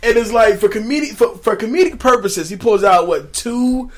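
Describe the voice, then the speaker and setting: A man co-hosting a casual movie recap chat, easygoing and agreeable, often trailing off quietly. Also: very high-pitched, expressive, moderate pace. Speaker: co-host of a movie recap show.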